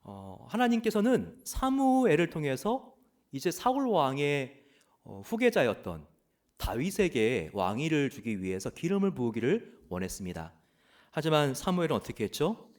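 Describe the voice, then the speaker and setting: A man preaching a sermon as pastor, earnest, pausing often with "uh" and asking rhetorical questions. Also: fairly high pitch, big pitch swings, a little mellow. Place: church.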